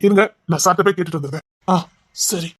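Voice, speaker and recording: A woman's voice: lowish voice, rapid-fire, a bit bright, slightly rough, no echo, studio quality. A woman acting in an audio drama, speaking politely and deferentially.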